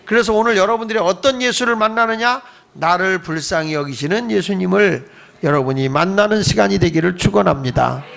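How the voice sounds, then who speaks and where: A middle-aged man preaches from a church pulpit in a high voice with a gravelly edge. He is playful with the congregation and breaks into voices as he tells his stories. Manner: acts out quoted voices with sudden jumps in pitch and loudness; humorous, calls for amens from the congregation. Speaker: pastor. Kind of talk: Friday night sermon. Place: church sanctuary.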